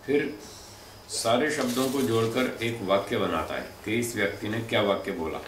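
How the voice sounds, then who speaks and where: Male lecturer, deliberate and explanatory, a bit low; echoey room, faint background noise. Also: fairly bright tone, far from the mic. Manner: measured and explanatory, demonstrating pronunciations aloud. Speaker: lecturer on speech and pronunciation. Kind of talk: spoken lecture.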